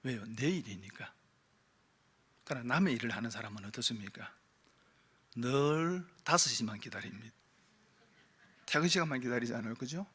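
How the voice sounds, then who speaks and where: A man preaching a Sunday sermon as pastor, asking the congregation rhetorical questions and moving between forceful emphasis and hushed, low passages. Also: expressive, moderate pace, long pauses, breathy edge. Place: church sanctuary.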